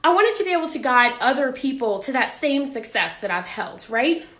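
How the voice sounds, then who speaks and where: A woman's voice: high-pitched, sing-song, normal speed, a bit bright, reverberant. A woman physician chatting casually to viewers on a livestream from her home office, upbeat and a little out of breath. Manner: chatty, upbeat, greets viewers, laughs often. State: warm and a bit out of breath. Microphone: phone or webcam livestream.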